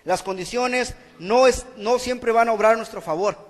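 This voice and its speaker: A man's voice: extremely high pitch, moderate pace, long reverb tail. A man preaching a sermon in church, earnest and exhorting. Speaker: pastor. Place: church hall.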